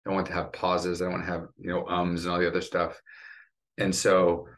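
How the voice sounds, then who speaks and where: Casting note: middle-aged male survivor, very low voice, earnest and emotional, driven tone. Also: completely flat delivery, moderate pace, a bit bright. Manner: earnest, choked up at times. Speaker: cancer survivor and patient advocate. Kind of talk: emotional podcast interview.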